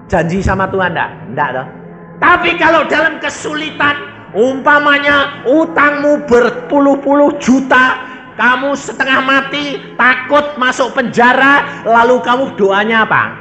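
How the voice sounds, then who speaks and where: Male evangelist, bright tense delivery, slow and theatrical, roomy hall sound. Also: very high voice. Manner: dramatic, acting out quoted prayers with sudden loud bursts and soft drops. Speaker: evangelist preacher. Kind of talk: sermon. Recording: echoey hall with faint music.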